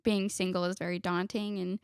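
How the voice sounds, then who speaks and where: A woman's voice: lowish voice, level tone, a little fast, clear, resonant tone, dry recording, studio quality. A woman in her twenties, a guest on a family podcast, chatting casually and laughing often, sometimes backtracking mid-sentence. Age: 20s.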